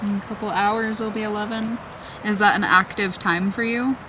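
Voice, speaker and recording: A woman talking casually in an excitable, chatty way as she questions spirits aloud in a vlog. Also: mid-range voice, normal speed. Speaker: paranormal investigator. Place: outdoors in a forest at night. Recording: distant mic, clearly noisy outdoor ambience.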